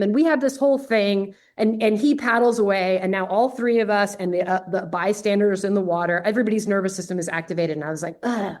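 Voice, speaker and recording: Chatty woman telling a surf story. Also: mid-range voice. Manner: chatty, candid, peppered with "like". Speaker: podcast guest. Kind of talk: casual storytelling in conversation.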